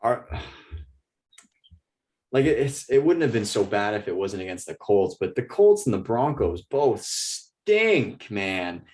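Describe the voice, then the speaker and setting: A man's voice: on the low side, slow pace. A young man co-hosting a sports podcast in casual chat, joking and getting worked up. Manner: joking, animated and exasperated. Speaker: podcast co-host. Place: in Ireland.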